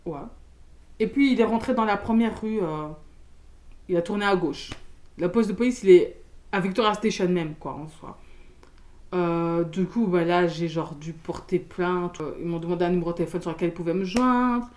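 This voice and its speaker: A young woman from Belgium, telling a storytime in casual slangy chat, loud and expressive, acting out the people in her story. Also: fairly low pitch, moderate pace. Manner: casual slangy talk with many fillers.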